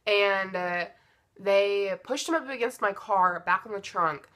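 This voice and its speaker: A young American woman with a bright, forward voice and a middling pitch chats through a personal story. She is informal and blunt, slipping into retold dialogue as a casual vlogger would. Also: measured pace. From United States.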